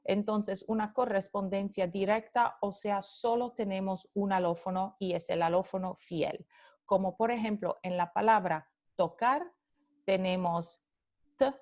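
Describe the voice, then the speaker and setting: A woman lecturer explains sound patterns at a slow, measured pace in a voice of middling pitch. She repeats each example sound and word with care and slips in brief English asides. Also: darkish tone. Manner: mixes in short English asides. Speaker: phonetics teacher. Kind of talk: recorded lecture.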